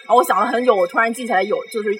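A woman's voice: a little high, very fast, fairly bright tone. A woman telling a story in a casual podcast chat, rambling with many fillers and restarts.

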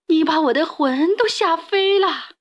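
A woman's voice: on the high side, expressive, normal speed, a bit bright, lo-fi sound. A woman voicing a tiny, frail old woman in a storybook, with squealing cries and motherly scolding. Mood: frightened.

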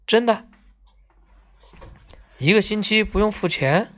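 A woman's voice: mid-range voice, animated, slow, pitched above the performer's own voice. A woman storyteller voicing a shy, grumpy man who answers curtly and reluctantly.

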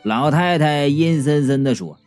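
Lively chatty male storyteller. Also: on the high side, a little slow, soft background music. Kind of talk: comic audiobook narration.

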